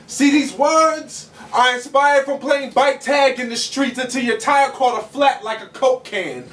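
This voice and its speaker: A man's voice: very high voice, fairly bright tone. A young man performing a rhythmic, emphatic spoken word poem on a small bar stage, caught on a stand mic by a distant camera. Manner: rhythmic, emphatic delivery with big arm gestures. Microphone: stand mic, far camera. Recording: roomy echo from far off.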